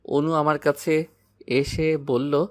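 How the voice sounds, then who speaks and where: A man's voice: on the high side, little pitch movement, slow. A man narrating a dramatic first-person audio story, anxious and despairing.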